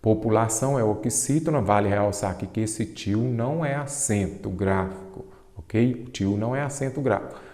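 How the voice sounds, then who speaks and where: Brazilian guy teaching grammar, lowish voice, keeps asking then answering himself, roomy echo. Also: mellow. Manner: didactic, asks and answers his own questions, stretches key terms slowly. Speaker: Portuguese teacher. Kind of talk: exam-prep lecture.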